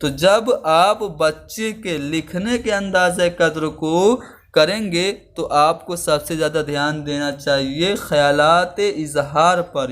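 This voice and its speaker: Man, teacher, slightly high voice, patient step-by-step explaining. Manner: explains each term again in simple words, slows down for example sentences. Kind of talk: exam-prep lesson.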